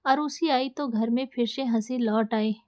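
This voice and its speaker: Woman reading a story with a fairly high voice. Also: unhurried, darkish tone. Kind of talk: scripted narration.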